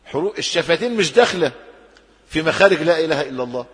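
A man preaching a sermon in Egyptian Arabic, lively, with loud emphatic peaks and quiet drops, acting out the people he quotes. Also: a little high, fast talker. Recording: long hall reverb.

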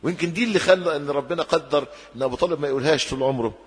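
A man preaching a sermon in Egyptian Arabic, lively, with loud emphatic peaks and quiet drops, acting out the people he quotes. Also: a little high, racing. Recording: long hall reverb.

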